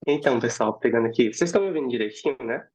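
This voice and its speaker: A man's voice: medium pitch, racing, a little mellow, slightly rough, poor audio. A man hosting an online class, encouraging and checking in with listeners often, with a cold affecting his voice. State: has a cold, voice may crack. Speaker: class instructor. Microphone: video call.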